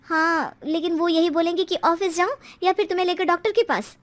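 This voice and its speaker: Woman playing high voice, middle-aged mother, meek, hesitant, weary, storybook housewife. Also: a little fast. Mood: pained, hesitant. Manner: hesitant, submissive.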